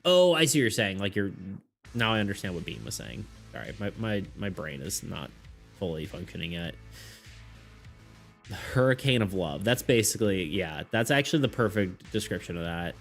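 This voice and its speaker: Chatting casually with viewers on a live stream, a man rambles, restarts sentences and laughs often, with faint music playing behind him. His low voice is very animated, creaky and a bit bright, at a moderate pace.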